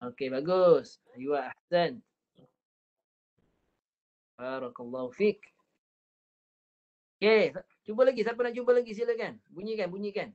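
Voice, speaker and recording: A man's voice: sits high, highs cut off. Patient Malaysian Quran teacher, man. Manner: patient, repeats drills, stretches words slowly when demonstrating. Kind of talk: online recitation class.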